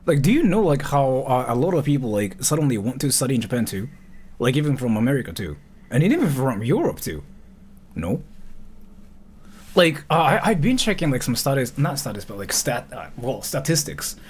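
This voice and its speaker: A livestream host in his thirties chats casually and gives reaction commentary, rambling and halting, correcting himself mid-thought and peppering his speech with filler. His mid-range voice swings widely in pitch and has a breathy edge.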